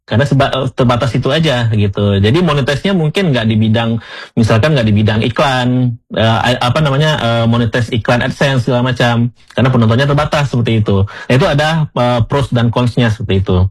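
A man from Aceh with an Acehnese accent, talking as a content-creator guest in a relaxed, casual way with frequent fillers and chuckles. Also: medium pitch, brisk, breathy edge. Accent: Acehnese-accented Indonesian. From Aceh, Indonesia. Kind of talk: casual podcast interview.

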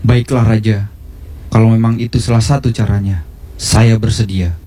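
A man's voice: lowish voice, steady tone, moderate pace, mellow, natural voice. A man playing a proud, determined warrior in a historical drama, speaking formally and firmly. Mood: proud, resolute. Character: proud, determined warrior seeking royal command post. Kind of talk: Indonesian historical drama dialogue.

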